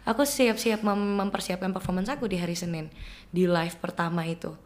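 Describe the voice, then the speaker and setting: A woman's voice: lowish voice, fairly even intonation, brisk. Earnest young woman singer telling her story. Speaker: guest singer. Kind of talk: casual interview chat.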